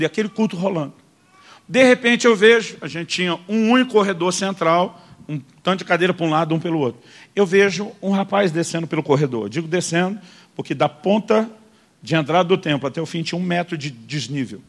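A Brazilian man, a pastor, telling a vivid story in a sermon, calling listeners "brother" and acting out the people he quotes. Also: high voice. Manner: animated storyteller, addresses listeners as "irmão", acts out quotes.

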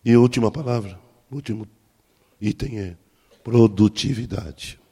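A man's voice: fairly low pitch, normal speed, slightly rough. A man, a pastor preaching a sermon and telling personal stories, acting out the dialogue. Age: 60s. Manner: storytelling, acting out dialogue with soft laughs.

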